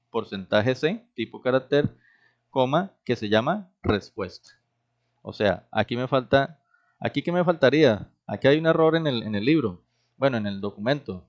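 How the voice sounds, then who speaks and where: A man teaching a programming class, explaining step by step and often checking that the students follow. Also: mid-range voice. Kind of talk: classroom lecture. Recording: dull, lo-fi recorded class.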